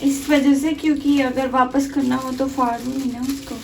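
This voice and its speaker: A woman's voice: high voice, little pitch movement, normal speed, gravelly, recorded from a distance, background noise. A young woman, the vlogger's younger sister, giving short giggly replies in casual chat. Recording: off-mic with music behind.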